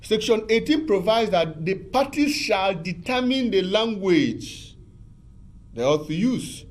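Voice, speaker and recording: A man with a voice pitched slightly above the usual male range talks through legal procedure on a television program. He lectures patiently, circling back over his points and filling pauses with hesitations. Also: big pitch swings. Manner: patient, repetitive, lecturing with many fillers. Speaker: legal expert guest. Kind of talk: explanatory TV talk on law.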